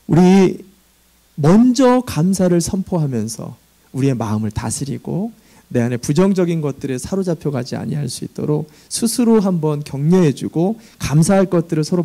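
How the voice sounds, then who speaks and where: A man's voice: fairly high pitch, dark tone. A man preaching as senior pastor, emphatic and telling vivid everyday stories. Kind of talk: sermon.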